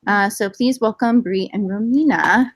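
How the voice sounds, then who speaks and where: A woman moderating a panel at an event, introducing the speakers with frequent ums in a relaxed, friendly way. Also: medium pitch, moderate pace. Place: indoor event room.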